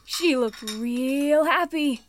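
An actress playing an excitable, innocent young girl in a period drama, eager and childlike. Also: sits high, takes it slowly, slight background noise.

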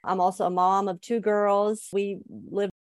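A woman's voice: medium pitch, flat delivery, unhurried, no echo. A woman from Sweden, an author, explaining her ideas thoughtfully as a guest on a podcast interview.

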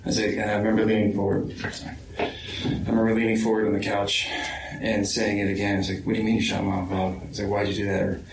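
A man in a recorded interview, slowly and hesitantly recounting events, with many pauses and ums. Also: on the low side, completely flat delivery, noisy background. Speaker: interviewee, victim's son. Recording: roomy far-off interview mic.

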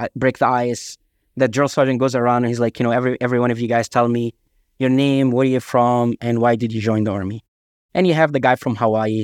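A man from Egypt, a guest author telling emphatic, animated anecdotes in a casual interview. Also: medium pitch, no room sound, studio quality. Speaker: guest, author and army veteran.

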